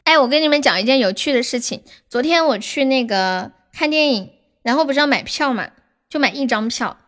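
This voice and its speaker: Young female streamer, high bright voice, cutesy and playfully dramatic, music playing behind. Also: animated, fairly quick. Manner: playful, cutesy, melodramatic pleading. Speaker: live streamer. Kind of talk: casual livestream chat. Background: background music.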